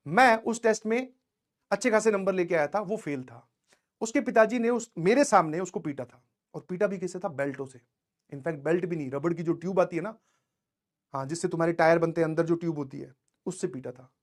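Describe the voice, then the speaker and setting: High-voiced male teacher, chatty pep talk. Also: brisk. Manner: conversational, keeps checking in with listeners; tells personal anecdotes. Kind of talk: motivational talk to students.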